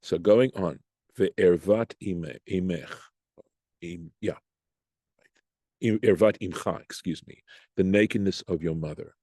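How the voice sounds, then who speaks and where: Low mellow guy leading a torah text class online, reads hebrew bits then explains, dry close mic. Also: lively intonation, measured pace, creaky, long pauses, husky, dry recording. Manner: reads Hebrew phrases then translates, thinks aloud with restarts; rises in pitch when voicing the Talmud's questions. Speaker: Torah study teacher.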